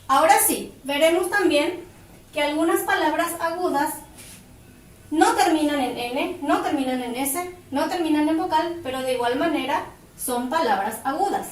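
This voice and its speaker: Woman, teacher, high voice, unhurried, echoey room, off-mic. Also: distant mic, slight background noise. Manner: slow, emphatic, drawing out words. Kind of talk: grammar lesson.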